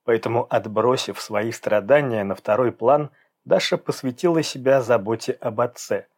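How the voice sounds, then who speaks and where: A man narrating an audiobook in an even, measured storytelling manner. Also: mid-range voice.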